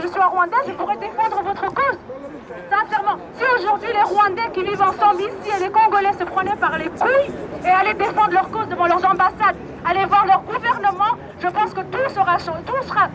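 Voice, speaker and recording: A woman's voice: extremely high pitch, brisk, heavy background noise. A woman giving a blunt, scolding rally speech outdoors, urging the crowd to get moving. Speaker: rally speaker.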